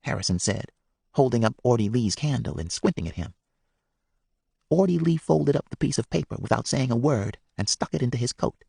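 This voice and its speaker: A man reading a first-person novel aloud in a measured, expressive way. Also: medium pitch, gravelly, slightly rough, no echo, clean studio sound. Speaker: audiobook reader. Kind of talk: storybook narration.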